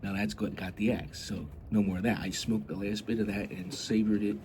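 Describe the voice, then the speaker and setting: A man's voice: lowish voice, level tone, brisk, noisy background. A man chatting casually and rambling as a hobby vlogger, blunt and grumbling, with some mild swearing.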